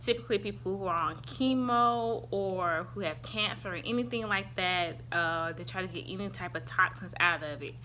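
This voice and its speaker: A young vlogger from the Southern United States rambles through a supplement review at home, casual and full of ums, recorded on a handheld phone. Her mid-range voice is bright and forceful at a normal speed with hardly any pauses. The recording is rough, with slight background noise.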